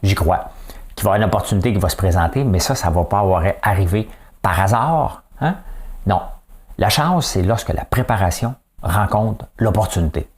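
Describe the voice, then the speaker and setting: A man's voice: on the low side, normal speed. A man with a Québécois accent hosting a casual news and business commentary show, chatty and tagging his remarks with rhetorical asides. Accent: Québécois French. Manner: chatty, keeps adding a rhetorical "hein?".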